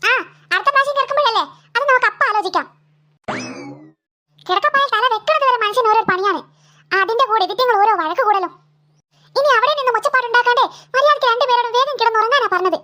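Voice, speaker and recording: A woman's voice: extremely high pitch, quick pace, pushed and bright. A woman voicing a tired, scolding mother of two girls in a cartoon. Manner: nagging, exasperated scolding.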